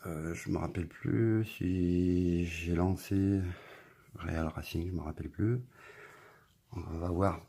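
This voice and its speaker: Male tech vlogger, deep gritty voice, laid-back rambling review, music under him. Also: takes it slowly, creaky. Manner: relaxed, rambling, filler-heavy commentary. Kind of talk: casual product review.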